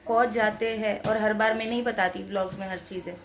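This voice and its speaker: A young woman vlogs from home, talking casually to the camera. Her voice sits at a medium pitch with a steady tone, and she speaks fairly quickly, chatty and emphatic, going back over her points more than once.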